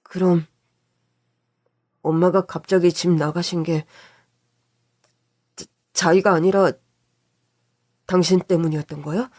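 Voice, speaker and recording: A woman voicing a distressed middle-aged brother-in-law who pleads earnestly in a low voice. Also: steady tone, slow pace, pauses often, a little mellow. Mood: shocked.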